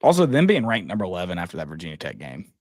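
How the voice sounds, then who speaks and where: A man's voice: low voice, huge pitch swings, racing, no room sound, clean studio sound. A man co-hosting a podcast, chatting casually about college football in a blunt, joking way. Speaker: podcast co-host. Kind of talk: casual sports chat.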